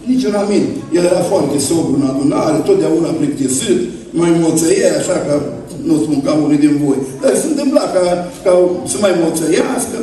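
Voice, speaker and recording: A man's voice: a little high, expressive, hardly any pauses, dark tone. A man preaching a storytelling sermon to a congregation, joking and acting out voices in his stories. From Romania. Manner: folksy, jokes with the congregation, acts out voices in stories. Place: large church hall. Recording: distant mic, very echoey hall.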